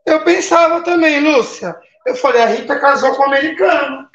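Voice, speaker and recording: With a Brazilian Portuguese accent, a man hosts a casual baking live stream, chatting, greeting viewers by name, and using lots of tag questions. His voice is extremely high and a bit bright, at a moderate pace. The live-stream audio sounds roomy and slightly dull.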